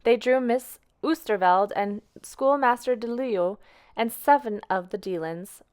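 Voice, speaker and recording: A woman reading a children's storybook aloud in a gentle, expressive, unhurried way. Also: on the high side, smooth. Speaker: storytime reader.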